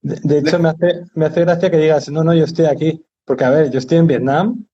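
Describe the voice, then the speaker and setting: A man hosting a casual live video chat, relaxed and talkative, with some mild swearing. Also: on the high side, fairly quick, lo-fi sound, slight background noise. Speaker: host.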